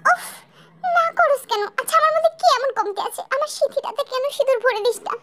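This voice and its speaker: A woman's voice: very high-pitched, animated, quick pace, fairly bright tone. Woman playing a lovesick, pleading young woman.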